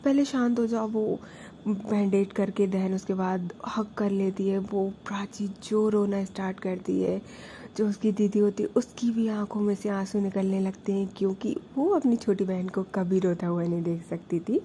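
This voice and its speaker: A woman's voice: mid-range voice, fairly even intonation, normal speed, mellow, slight background noise. Chatty woman telling a story. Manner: chatty, mixes in English words. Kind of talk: casual spoken story narration.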